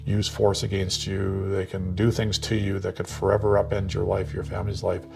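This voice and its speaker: Serious guy with a super deep gravelly voice, monotone, mic kinda far, faint noise. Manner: measured, serious. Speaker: commentator. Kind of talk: explanatory commentary.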